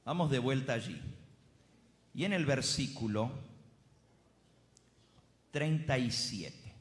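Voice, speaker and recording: A man preaching a sermon, speaking straight to his congregation with an emphatic, drawn-out cadence. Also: medium pitch, animated, roomy sound, long reverb tail.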